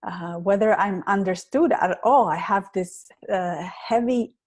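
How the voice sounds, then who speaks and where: A woman's voice: mid-range voice, measured pace, darkish tone. A woman with a heavy Greek accent, a public speaking coach being interviewed on a podcast, talking in an earnest, reflective way with some hesitations. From Greece.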